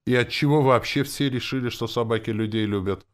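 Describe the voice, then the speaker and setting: A man narrating a first-person audiobook in a wry, expressive way. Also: medium pitch, brisk, smooth. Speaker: audiobook reader.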